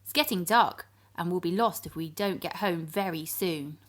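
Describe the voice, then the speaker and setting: A woman's voice: fairly low pitch, moderate pace, natural voice. A woman voicing a kindly, forgetful old grandfather clock in a children's storybook, with a fussy, exclamatory manner. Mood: firm, worried.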